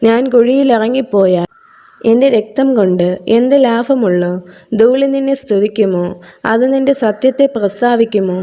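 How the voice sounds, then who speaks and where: Woman reading bible verses, calm and measured, kinda high but mellow tone. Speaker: Bible reader. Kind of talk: scripture reading for meditation.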